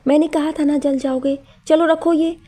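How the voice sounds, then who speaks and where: A woman voicing a caring mother who gently scolds and comforts her son. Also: high-pitched, moderate pace, close to an everyday voice. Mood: scolding.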